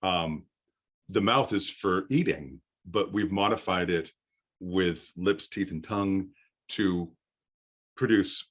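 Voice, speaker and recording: Speaking in a deep, firm, husky voice, a middle-aged man coaches voice actors in a casual workshop lecture. He explains things haltingly, stopping to gather his thoughts, and the high frequencies of the recording are cut off.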